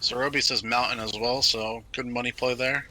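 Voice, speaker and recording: A man casting a video game match, talking through the action in brisk, analytical play-by-play with frequent fillers. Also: medium pitch, fairly even intonation, pushed and bright. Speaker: esports caster. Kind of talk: play-by-play commentary.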